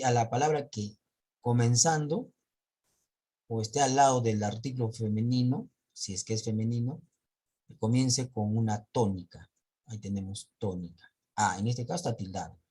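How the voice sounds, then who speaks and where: A man's voice: mid-range voice, mellow, husky. A man teaching a grammar lesson in an online class, explaining step by step and checking in with his students.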